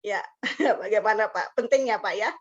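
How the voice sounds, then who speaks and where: A woman with a mid-range voice and moderate pace presents an online teacher-training webinar. She's chatty, drops in English words, and laughs often. The video-call audio is slightly dull and lo-fi.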